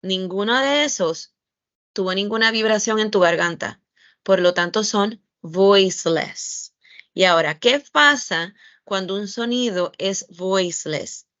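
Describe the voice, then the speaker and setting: A woman's voice: mid-range voice, a bit bright, dry recording, highs cut off. A woman teaching English pronunciation in English and Spanish, checking in with "okay?" as she goes. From Puerto Rico. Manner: switches between English and Spanish, slow deliberate English, brisk Spanish explanations. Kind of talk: bilingual pronunciation lesson.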